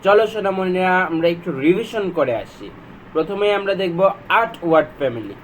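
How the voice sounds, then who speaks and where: High-voiced man coaxing kids through phonics. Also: expressive, a little hiss or hum. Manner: sounds out words slowly, syllable by syllable; gentle, coaxing tone toward young children. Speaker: teacher. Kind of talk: children's phonics lesson.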